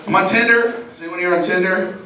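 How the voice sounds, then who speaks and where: A man performing a self-deprecating stand-up set on a club stage, talking animatedly and sometimes breaking into yelling. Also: high voice, fast talker, distant mic, a loud crowd. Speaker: stand-up comedian. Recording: roomy club sound with loud audience laughter. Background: audience laughter.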